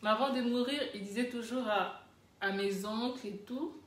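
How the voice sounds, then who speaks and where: A woman's voice: fairly high pitch, moderate pace. A woman from the Democratic Republic of the Congo, a mother giving a heartfelt, rambling personal account of her family and repeating herself. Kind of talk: casual personal testimony. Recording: roomy echo.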